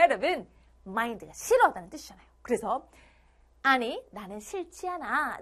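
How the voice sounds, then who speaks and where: Brief: high, bouncy female teacher voice, playful, acts out dialogue lines. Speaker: English teacher. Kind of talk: online lecture for middle schoolers.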